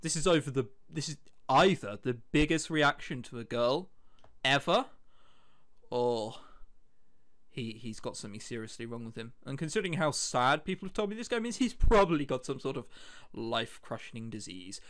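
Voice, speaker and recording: A man hosting a let's play reads lines from a visual novel and fills the gaps with wry, chatty asides, occasionally stumbling. His medium-pitched, fairly bright voice is expressive, at a moderate pace, over background music.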